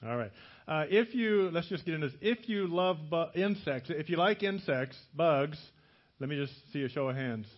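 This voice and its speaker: A man's voice: fairly high pitch, animated, moderate pace, muffled recording. A middle-aged American man from Louisiana preaching casually and humorously to a congregation in a jittery, over-caffeinated way, jumping between broken phrases. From Louisiana, American South.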